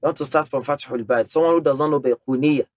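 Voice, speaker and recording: Rapid-fire and fairly high-pitched, a male Islamic teacher presses his religious points emphatically, numbering them and sprinkling in Arabic words. The audio is free of echo.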